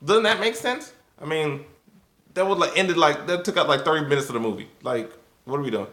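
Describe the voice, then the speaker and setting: A man with a fairly high, a bit bright voice and lively intonation speaks briskly as he reviews, addressing viewers in a relaxed, loose, conversational way. He's a video reviewer, recorded in a roomy, echoing space.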